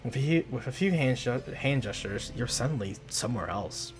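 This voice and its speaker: Expressive man narrating a tabletop game. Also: mid-range voice, brisk, music in the background. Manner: expressive second-person storytelling. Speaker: game master.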